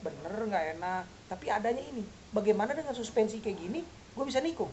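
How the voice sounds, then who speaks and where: Blunt, animated riding coach. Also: male voice, high-pitched, a little hiss or hum. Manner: blunt, animated, quizzes listeners with rapid questions. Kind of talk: lively coaching talk to a group of riders.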